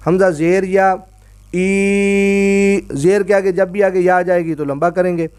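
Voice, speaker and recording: A man teaching Quran reading in a recorded lesson, patiently sounding out each syllable slowly and drawing out the long vowels. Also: high voice, fairly even intonation, a little mellow. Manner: clears throat now and then.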